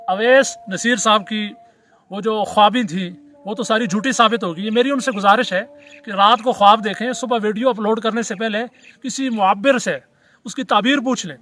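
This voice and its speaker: A man's voice: high voice, fairly bright tone. A middle-aged man, a cleric and mufti speaking, gives a sarcastic, formally polite religious commentary in a video. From Pakistan.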